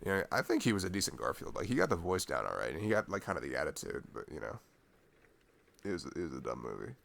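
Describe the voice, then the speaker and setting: Bass-voiced and sing-song, this fast-talking man has a creaky, fairly bright tone over a little hiss or hum. Playing a boyfriend in an ASMR audio roleplay, he rants and rambles informally and intimately, chuckling and sighing along the way.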